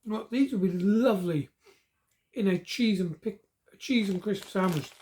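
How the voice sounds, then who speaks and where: Mellow woman reviewing snacks. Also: medium pitch, normal speed. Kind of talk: casual food review.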